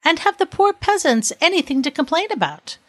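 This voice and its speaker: A woman reading the lines of a clever young king in disguise, calm and questioning. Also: extremely high pitch, fairly quick, no room sound, pitched above the performer's own voice.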